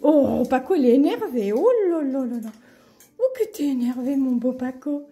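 A woman's voice: high voice, moderate pace, warm tone, slightly rough. A woman talking to her pets in cooing, affectionate baby talk while filming them on a phone held in her hand.

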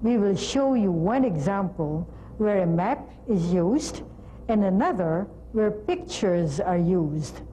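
A middle-aged woman presenting a scripted lesson in a measured, deliberate, instructional way. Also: mid-range voice, expressive, mellow, a little hiss or hum, low-quality recording. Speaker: presenter of an educational program on language testing. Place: TV studio.

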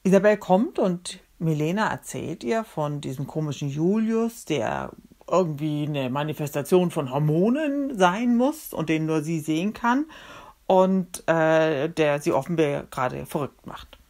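A woman reading a children's book aloud with expressive, dramatic storytelling. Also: low voice, measured pace. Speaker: storybook reader.

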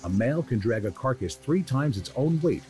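A man reading scripted nature documentary narration in a measured, descriptive manner, as the narrator of a wildlife film. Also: mid-range voice, lively intonation, warm tone. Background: music.

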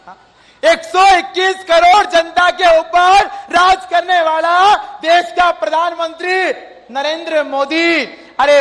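High-voiced emphatic preacher man. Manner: emphatic, rhetorical questions to the audience, rising to shouts. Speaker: Jain monk preacher. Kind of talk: devotional sermon with chanting. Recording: long hall reverb.

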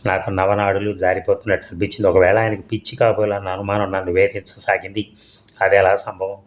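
A man narrating an audio story in a steady, unhurried read. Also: sits low. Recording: dull lo-fi audio.

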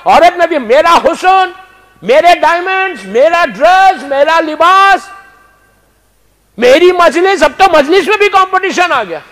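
Fervent high-voiced male preacher. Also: expressive, a little slow, fairly bright tone, long reverb tail. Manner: fervent, exhorting, often raising his voice. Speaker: Shia cleric preaching a majlis. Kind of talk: sermon. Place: large imambargah prayer hall.

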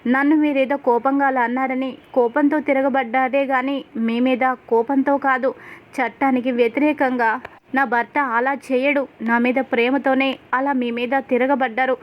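Woman voicing a devoted young wife, pleading, insistent, high voice, storybook read. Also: flat delivery, moderate pace, highs cut off, natural voice. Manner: begging, insistent.

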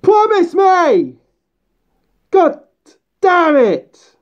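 Mascot-head muffled voice, unhurried, upbeat, rambling, dull lo-fi sound. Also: very high-pitched, wildly swooping pitch. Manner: rambling and upbeat, with many fillers and restarts. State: talking through a mascot head. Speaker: fursuit video creator. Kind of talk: casual vlog talk. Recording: dull lo-fi recording.

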